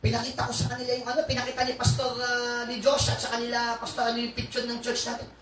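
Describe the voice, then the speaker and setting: High-voiced male pastor preaching in an echoey hall. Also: quick pace. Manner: animated preaching with many hallelujahs and asides to the congregation. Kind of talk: sermon. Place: church hall. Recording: echoey hall, far from mic, faint noise.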